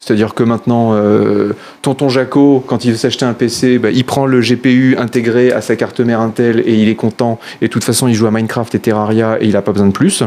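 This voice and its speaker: A man's voice: mid-range voice, fairly even intonation, fairly quick, few pauses, darkish tone. A man hosting a casual chat, with a jokey, mock-solemn manner. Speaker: host. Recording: clear background noise.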